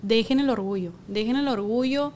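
A woman's voice: fairly high pitch, moderate pace, darkish tone. A woman with a Mexican accent, talking as a podcast guest in an earnest way, sometimes searching for words and sometimes urging listeners. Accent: Mexican Spanish. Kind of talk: casual chat.

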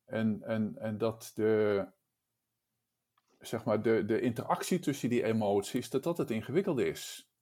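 A man of ordinary pitch leads a conversation about work and teams. He weighs his words and often restarts a phrase before finishing the thought. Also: unhurried, dark tone. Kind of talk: casual discussion.

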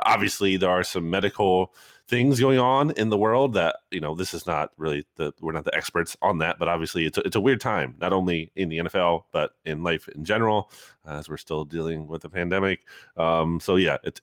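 Man, deep voice, dry studio-like sound, casual sports podcast co-host, conversational asides. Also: brisk, dry recording.

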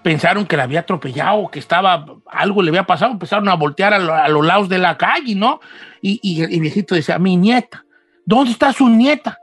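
A man, a show host telling a ghost story in an animated way, acting out the voices and often asking "¿no?". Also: high-pitched, fast, slightly rough, dry recording, faint music behind. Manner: animated, acts out voices, frequent "¿no?". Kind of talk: oral storytelling.

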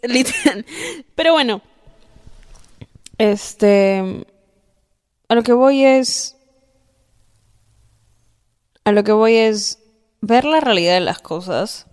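A young woman hosting a podcast, giving casual, affectionate advice and often checking in with the listener. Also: mid-range voice. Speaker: podcast host.

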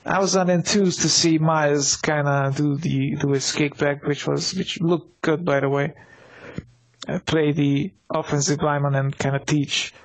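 A man's voice: on the high side, fairly even intonation, normal speed. A man co-hosting a casual sports podcast, rambling with many restarts and fillers. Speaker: podcast co-host.

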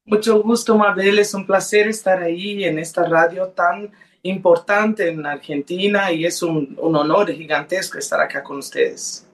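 A woman's voice: lowish voice, steady tone, a little slow. A woman, a singer telling her life story earnestly in a radio interview, with hesitant restarts. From Brazil and Honduras.

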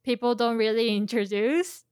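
A woman's voice: on the high side, moderate pace, darkish tone, smooth, no room sound, clean studio sound. A woman teaching Japanese in a casual chat, explaining with imagined scenarios and plenty of fillers. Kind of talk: casual language lesson chat.

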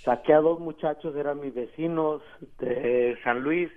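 A Mexican man calling into a radio show, telling a story in a slangy, animated way. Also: on the high side, unhurried. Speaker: caller. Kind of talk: casual phone-in storytelling. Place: phone call into a radio show. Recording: tinny phone line.

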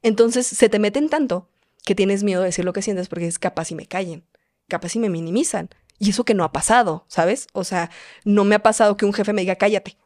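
A woman's voice: mid-range voice, brisk, a little mellow, no room sound, clean studio sound. A woman in her twenties with a Mexican Spanish accent, chatting as a podcast guest and telling stories full of fillers. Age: 20s. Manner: chatty, filler-heavy storytelling, often acting out quoted voices. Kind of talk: casual conversational interview.

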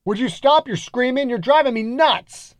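A man voicing an annoyed blue-collar neighbor in his thirties, yelling through a door. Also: very high-pitched, animated, normal speed, no echo, voice pushed up. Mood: irritated. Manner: exasperated shouting through a door.

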